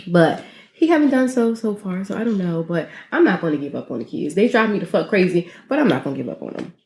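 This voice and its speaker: A lively woman co-host who tells stories in slang and laughs often. Her voice sits a little low. It rings around a roomy, echoey space. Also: fast. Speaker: podcast co-host. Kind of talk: casual chat. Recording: echoey room.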